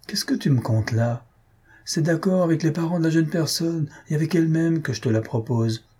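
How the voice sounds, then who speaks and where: A man's voice: fairly high pitch, lively intonation, normal speed, mellow, husky, pitched above the performer's own voice. A man putting on a scolding old aunt. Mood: stern. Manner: scolding, indignant. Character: stern elderly aunt, irritable and bossy.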